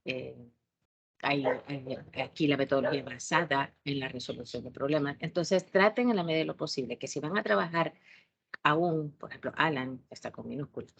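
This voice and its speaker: Low-voiced strict Salvadoran woman teaching. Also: moderate pace, gravelly, a bit bright, muffled recording, slight background noise. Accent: Salvadoran Spanish. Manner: strict, instructive, with frequent hesitation fillers. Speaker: university math education tutor. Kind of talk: online tutorial lecture.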